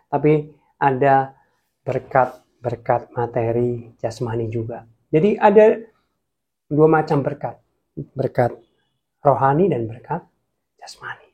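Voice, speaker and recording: A man preaching a casual, lively sermon, sometimes dropping to a whisper for emphasis. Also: mid-range voice. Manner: lively, drops to whispers for emphasis, mixes in English.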